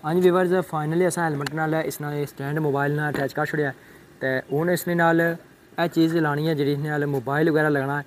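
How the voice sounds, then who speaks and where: Young man, slightly high voice, casual rambling demo, outdoor phone recording, faint background noise. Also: fairly even intonation, brisk. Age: young adult. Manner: rambling, repeats "thik ai" and "check karne aan". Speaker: motovlogger. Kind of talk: casual unboxing and setup demo. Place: outdoors on a rooftop, then a roadside.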